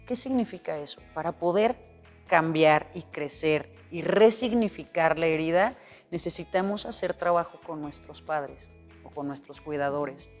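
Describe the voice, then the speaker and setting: Woman coach talking it through earnestly, reverby room, soft music underneath. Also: deep voice, moderate pace. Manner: earnest, explanatory, acts out inner dialogue. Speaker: guest coach. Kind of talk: interview conversation. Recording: long reverb with faint music.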